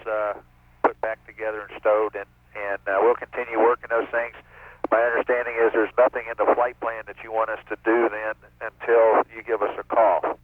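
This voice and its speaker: An astronaut talking with mission control over a crackly, narrow space-to-ground radio link, calm and measured, pausing on fillers. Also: male voice, mid-range voice, no room sound. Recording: tinny radio downlink, dry, lo-fi.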